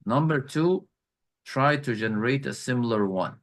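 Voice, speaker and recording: A man teaching an online class, slowly walking students through challenges and repeating key points. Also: mid-range voice, expressive. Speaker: instructor.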